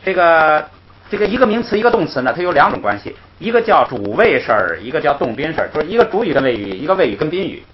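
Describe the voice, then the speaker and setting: A man teaching a grammar class, explaining patiently, repeating himself and chuckling softly between points. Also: on the high side, very animated, fast talker. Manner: patient, repetitive, punctuates with "hey" and soft chuckles. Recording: dull lo-fi recording with faint noise.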